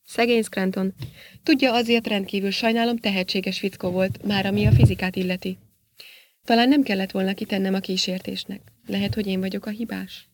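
A woman's voice: mid-range voice, steady tone, background noise, natural voice. A woman voicing a smug, scheming male professor who lectures in a self-satisfied way, read in an audiobook. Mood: shaken. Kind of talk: audiobook character reading.

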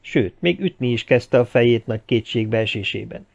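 A male audiobook narrator reading expressively, with a gravelly, creaky voice. The recording sounds dull and lo-fi. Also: medium pitch. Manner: expressive storytelling. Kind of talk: scripted narration.

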